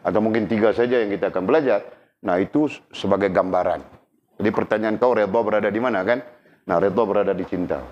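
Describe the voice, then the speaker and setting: Male religious teacher, low voice, chatty lesson style with frequent check-ins to students; dull lo-fi recording. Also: quick pace, darkish tone. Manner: conversational, keeps checking in with listeners. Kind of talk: casual teaching talk.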